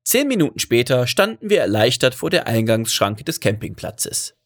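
A man's voice: mid-range voice, big pitch swings, normal speed, dry recording, studio quality. A man narrating a first-person audiobook story with a wry, self-mocking manner.

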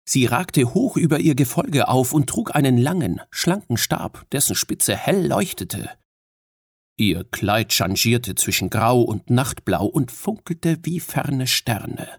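A male narrator reads a fantasy story with measured pacing and a medium pitch. The recording is close and dry, with no room sound. He lifts his voice when speaking the characters' dialogue. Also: very animated, husky, no echo. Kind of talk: scripted audiobook narration.

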